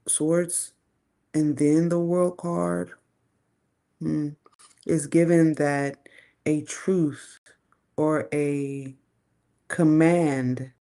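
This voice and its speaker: A woman with a deep, warm voice gives a casual live tarot reading. She thinks aloud in a loose, chatty way, swearing now and then.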